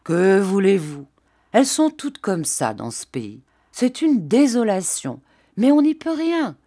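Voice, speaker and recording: A smug village priest, preaching and moralizing in a sing-song voice that rises and falls widely, as a woman reads his part. He lectures at an unhurried pace. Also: medium pitch, sing-song, mellow, dry recording, studio quality. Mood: resigned moralizing.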